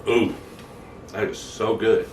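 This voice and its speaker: A man's voice: on the low side, level tone, slow pace, a little hiss or hum. A man hosting a casual home cooking video, easygoing and plainspoken as he walks through a family recipe. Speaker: home cook, channel host.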